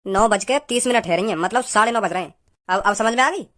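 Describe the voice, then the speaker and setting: A woman's voice: mid-range voice, fairly bright tone, close to an everyday voice. [name], a woman voicing a pushy cartoon salesman. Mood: explaining. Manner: persuasive, fast sales patter. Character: smooth-talking male lottery salesman, pushy. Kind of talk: cartoon voice acting.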